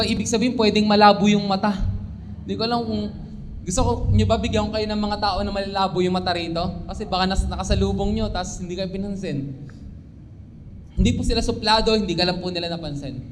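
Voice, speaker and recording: Young Filipino male preacher, earnest, high-pitched, recorded in a reverberant church hall with faint background hum. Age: young adult. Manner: earnest, mixes English into his talk, pleading at times. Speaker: pastor. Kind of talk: sermon.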